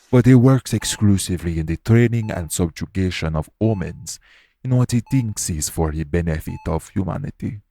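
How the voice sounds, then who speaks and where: A male voice actor portrays a secret organization's official speaking to the listener in an audio roleplay. His voice is low and gravelly with a dark, mellow tone, and he sounds firm and reassuring while staying formal, calm, measured and matter-of-fact.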